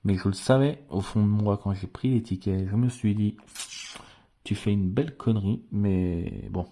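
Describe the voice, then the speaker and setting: A man's voice: fairly low pitch, normal speed, warm tone. A man hosting a scratch-card video, chatting casually to his viewers as friends and spelling out letters one by one as he scratches. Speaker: scratch-card channel host. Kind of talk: casual vlog commentary while scratching tickets.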